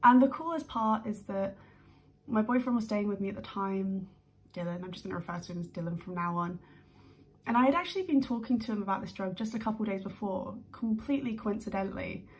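A young woman from the UK sits down at home to record an unedited vlog. She talks in a nervous, rambling way, rushing ahead and then catching herself, with frequent restarts. Her voice sits at a middle pitch. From United Kingdom. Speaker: vlogger.

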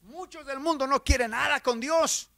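A man preaching an evangelical sermon, swinging from loud exclamations to hushed storytelling, with repeated phrases and calls of amen. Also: very high voice, normal speed, creaky. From Texas, USA. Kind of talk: Spanish-language sermon.

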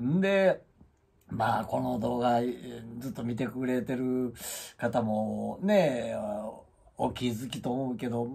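Kansai man, very raspy voice, lively pitch, casual storytelling host who acts out quotes. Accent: Kansai Japanese. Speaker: channel host. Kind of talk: casual monologue about his pets.

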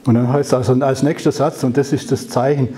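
A man giving a conversational sermon, telling the story with rhetorical questions and slowing down on key phrases. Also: mid-range voice, flat delivery, dark tone. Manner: slows down to stress key phrases. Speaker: preacher.

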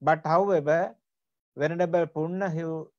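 A man in his forties from Sri Lanka giving an online lecture in a deliberate manner with many fillers, over a video call from an office. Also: on the high side, steady tone, no echo. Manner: slow, deliberate, with frequent fillers. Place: office with bookshelves. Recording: dull lo-fi video call audio.

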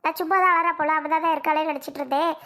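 Shrill fussy old mother-in-law. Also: fairly even intonation, very fast, a bit bright. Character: fussy older village mother-in-law, doting on the baby. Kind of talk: cartoon voice acting.

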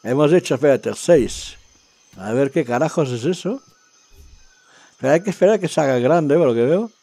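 A man giving casual, excitable commentary as he plays a game, talking to himself and his viewers. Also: on the high side, normal speed, dry recording. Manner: talks to himself and viewers while exploring, excitable. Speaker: gaming video creator.

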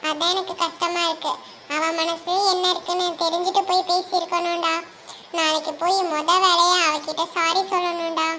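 An actor plays a lovesick young man in a comic cartoon, his voice very high and bright. He talks softly and sincerely, and a faint hiss sits behind him. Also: flat delivery, moderate pace. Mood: dejected.

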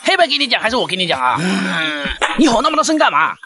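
A cheeky, scolding schoolroom cartoon character in a comedy skit. The delivery swings up and down in pitch and is full of Mandarin internet slang. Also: sing-song, quick pace, a crowd in the background. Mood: indignant.

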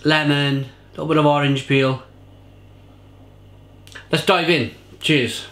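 A man in his thirties gives an enthusiastic, casual beer tasting review to camera from his indoor home kitchen bar, lined with shelves of bottles. His voice is a little high and fairly bright, steady and slow, in an echoey room. He gestures a lot while describing the flavours.

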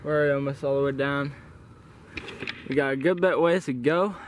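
A young adult man vlogs about camping in a relaxed, slangy, foul-mouthed way, his medium-pitched voice fairly even and a little fast. He films with a handheld camera at arm's length, out on a windy mountain and partly inside a tent, and the recording is noisy with wind.

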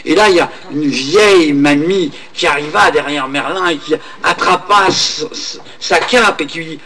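A man telling a folk tale aloud in a slow, dramatic, swooping delivery. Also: a little high, sharp tone, far from the mic, rough recording. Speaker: storyteller.

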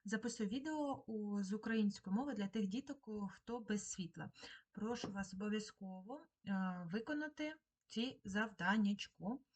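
Woman teacher, husky voice, patient and slow, giving a recorded lesson to young pupils. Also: medium pitch. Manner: slow, patient dictation to children. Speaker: primary school teacher. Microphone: screen-recorded lesson.

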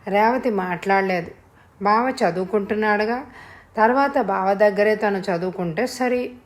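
A woman narrator reading a family novel aloud in a steady storytelling way. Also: medium pitch, normal speed.

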